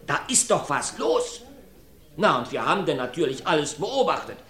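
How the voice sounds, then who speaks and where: In a radio play, an actor portrays a chatty, rustic farmer testifying as a courtroom witness, rambling through his story in a folksy way. His voice is fairly high, very animated and a bit bright, at a moderate pace, recorded in a roomy studio.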